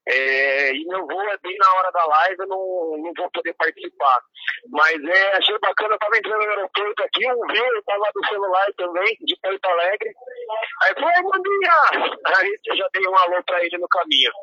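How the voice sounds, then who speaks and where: A man's voice: high-pitched, sharp tone, no echo. A man on speakerphone calling in to a live show, chatting casually and running short of voice. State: losing his voice. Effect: on speakerphone over a phone call. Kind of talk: casual chat. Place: at an airport. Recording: dull tinny phone line.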